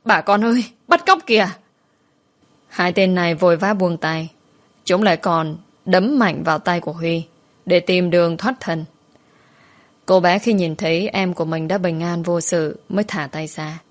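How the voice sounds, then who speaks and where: A woman telling a story in steady, scripted narration. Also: on the low side, moderate pace.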